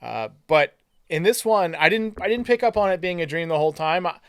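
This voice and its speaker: A man with a smooth, clear voice talks movies on a podcast, eager and a little scattered as he retells scenes. His pitch sits a touch high, and the sound is close and dry with no room echo. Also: animated, a little fast. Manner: enthusiastic, retells scenes with hesitant restarts. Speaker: podcast co-host. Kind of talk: casual chat about a movie.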